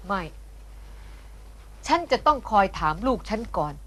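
A woman's voice: mid-range voice, very animated, measured pace, a bit bright. An actress playing a fussy, insistent middle-aged mother in a TV drama, scolding and coaxing her husband. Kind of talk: Thai TV soap acting. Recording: music score underneath.

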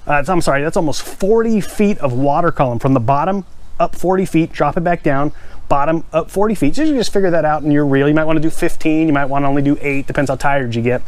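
A man in his forties explains a fishing technique outdoors in his backyard, his voice sitting a touch higher than most men's. He talks plainly and energetically, gesturing with a rod and hammering home the same simple steps. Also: fast talker. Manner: plainspoken, repeats key steps, counts out loud. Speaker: fishing channel host. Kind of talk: casual how-to demonstration.

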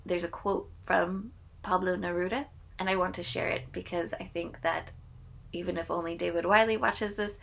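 A woman in her thirties with an American Midwestern accent and a lowish, gravelly voice chats to her webcam as a channel host in a room at home lined with bookshelves. In this casual vlog she also reads a poem aloud with care.

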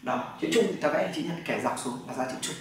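A man, his voice a little high, teaches a class and keeps checking that his students follow. He sounds far from the mic, in a very echoey room with faint noise behind him. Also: fairly quick. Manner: explains step by step, often asks "right?" to check. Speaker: Chinese language teacher. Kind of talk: classroom lesson.

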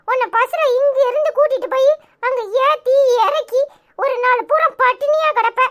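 A woman's voice: very high-pitched, a bit bright, muffled recording. A woman voicing a sarcastic, nagging young grandson with a Tirunelveli Tamil accent in a cartoon. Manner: nagging, mocking questions. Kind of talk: cartoon voice acting.

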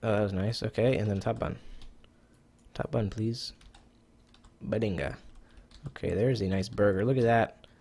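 Playing a browser cooking game, a YouTuber talks to himself in a chatty let's-play style, occasionally swearing and sounding a little breathless. He speaks at normal speed with long pauses in a lowish, steady, dark, slightly rough voice, and the audio is poor.

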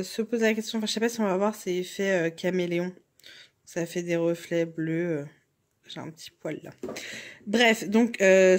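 Chatty young woman vlogging at home. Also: medium pitch. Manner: chatty, many fillers, drops to a hushed murmur in the evening. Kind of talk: casual chat.

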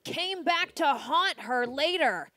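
A woman's voice: high-pitched, lively intonation, takes it slowly, sharp tone. A woman giving colour commentary on a live wrestling match. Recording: clear background noise.

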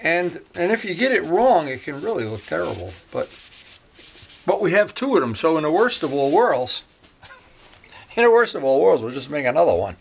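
A man's voice: on the high side, sing-song, normal speed, gravelly, slight background noise. A man chatting casually through a motorcycle DIY project in his garage, rambling with jokey asides. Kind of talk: casual workshop vlog.

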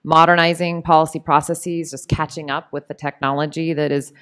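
A middle-aged woman giving a prepared policy talk at a podium mic in a conference room, steady and earnest with frequent ums. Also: sits low, brisk, smooth. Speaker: panel speaker. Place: conference room on Capitol Hill. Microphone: podium microphone.

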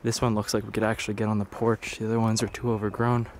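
Noisy handheld camera audio records a young adult vlogger talking casually as he explores outdoors among wooded roads and abandoned buildings. His fairly low voice moves quickly and stays flat.

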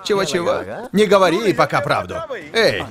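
An actor playing a cheeky, excitable young prankster hero in a dubbed action-comedy film. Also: male voice, a little high, normal speed, crowd noise. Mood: bickering, excited. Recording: film music behind.

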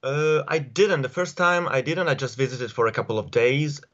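An Italian man in his forties, a guest, answers interview questions from his home study lined with bookshelves, hesitating often with fillers and restarts. His voice sits at a medium pitch with a slightly bright quality. He talks over a video call through an earphone headset mic, and the audio comes across dull and lo-fi.

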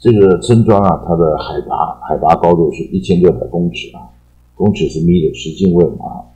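Man, low voice, Taiwanese Mandarin accent, casual English vocabulary lesson, chatty fillers. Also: warm tone, rough recording. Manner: explains words with frequent drawn-out "啊" fillers and repetition. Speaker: English teacher.

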